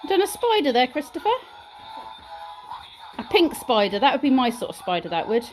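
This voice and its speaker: A young British woman, a vlogger and childminder, chats casually to camera at home, her high voice sing-song at a normal pace. She rambles with lots of ums, goes into sing-song praise when addressing children, and sounds throaty and congested from a sore throat. The recording is rough, with faint music behind her.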